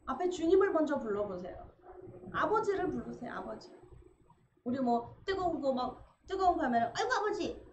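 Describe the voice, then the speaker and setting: A woman's voice: high voice, moderate pace. A woman pastor preaching a sermon in a church, acting out cries and quotes and laughing through a story. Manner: animated, acts out cries and quotes, laughs as she tells a story. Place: church sanctuary. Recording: echoey church room, slightly dull sound with faint noise.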